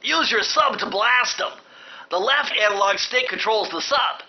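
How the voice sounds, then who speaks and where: Bentley, high nasal nerdy turtle. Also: male voice, a little slow. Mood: instructive, earnest. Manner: precise, bookish, earnest delivery. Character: nerdy, excitable, cautious young turtle gadget expert. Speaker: mission guide. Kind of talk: video game voice acting, instructions. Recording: dull, lo-fi game audio.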